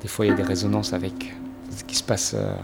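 A man who is a singer, talking reflectively in an interview, pausing often with fillers. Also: low voice, sing-song, creaky, over loud music. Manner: hesitant, many pauses and fillers.

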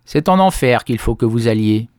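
A man voicing a kindly but grave male village priest who speaks in a measured way. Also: mid-range voice, lively intonation, a little mellow, dry recording, clean studio sound, lightly acted. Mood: solemn.

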